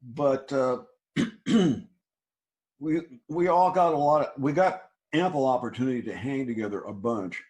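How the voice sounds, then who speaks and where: A man in an interview, telling a story in a halting way with many restarts and fillers. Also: medium pitch, a little mellow. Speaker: interview guest, musician. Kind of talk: casual storytelling.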